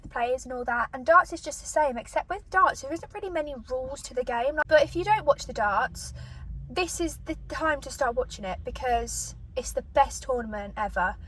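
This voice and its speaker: She's a British woman with a high, slightly bright voice, casually talking to camera and stopping for bites as she eats and reviews food. Background noise comes through on the distant microphone.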